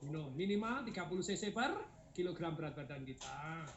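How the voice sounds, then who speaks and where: Energetic high-voiced seminar man. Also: a little fast, a crowd in the background. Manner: energetic, laughing, urging the audience to shout. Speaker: seminar speaker. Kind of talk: motivational seminar talk. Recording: roomy, dull lo-fi sound.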